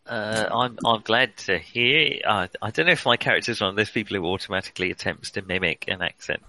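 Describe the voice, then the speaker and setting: A man's voice: lowish voice, a little fast, pushed and bright, no echo. A man chatting casually as a player in a tabletop role-playing game, hesitant and dryly humorous. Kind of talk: casual chat.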